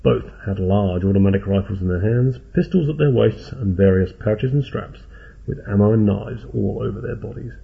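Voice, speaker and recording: A man's voice: on the low side, moderate pace, creaky, husky. A man narrating a story in a dry, wry way, in a tinny phone-like recording. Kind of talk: audiobook narration.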